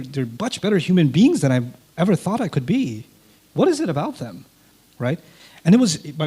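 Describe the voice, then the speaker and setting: An interview guest, a man whose first language is Urdu, tells a personal story in a lively way and acts out the dialogue he quotes. His voice is on the high side and husky.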